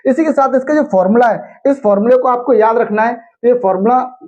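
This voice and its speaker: A young adult male teacher gives a classroom lecture in a high voice. He asks each point back to the students as a question and chants the memory aids slowly. The recording sounds dull and lo-fi. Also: a little mellow. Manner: slow sing-song chanting of mnemonics.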